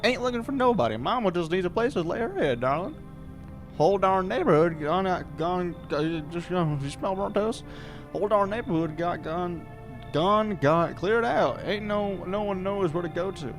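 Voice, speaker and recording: A man's voice: high voice, lively intonation, normal speed, soft background music, pitched above the performer's own voice. A man voicing a folksy older Southern woman drifter in a put-on Southern accent, rambling and stumbling over his words.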